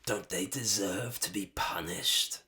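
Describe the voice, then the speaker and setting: A man's voice: low-pitched, takes it slowly, bright, forceful tone, pitched below the performer's own voice, full character voice. A man whispering as a hissing anger monster. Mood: menacing. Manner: hissed whispers, wheedling. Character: snarling female anger monster, hissing and cruel. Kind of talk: storybook reading.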